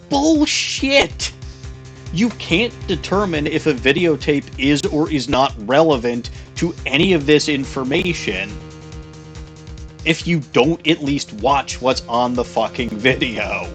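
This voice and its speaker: A man's voice: mid-range voice, unhurried. A man voicing a game let's play, thinking aloud, exasperated and profane. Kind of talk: game commentary. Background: game music.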